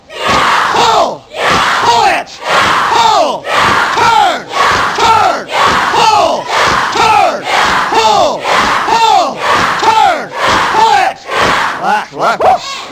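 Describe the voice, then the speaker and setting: A man with a high voice runs a self-defense class. He coaches each move plainly and step by step, then breaks into loud, commanding drill shouts. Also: noisy background. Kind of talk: live class instruction. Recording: archive 1990s instructional video.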